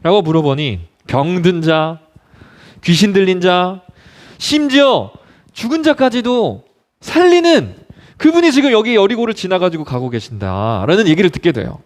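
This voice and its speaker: Animated high-voiced male youth pastor. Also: moderate pace. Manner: animated storytelling, asking the listeners questions. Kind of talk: sermon.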